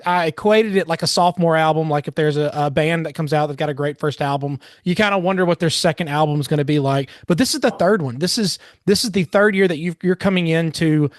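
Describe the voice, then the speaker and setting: A man's voice: on the high side, brisk, hardly any pauses, dry recording, studio quality. A man hosting a community podcast and chatting casually with his guest. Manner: chatty and friendly, with restarts and uhs. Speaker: podcast host. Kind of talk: casual interview.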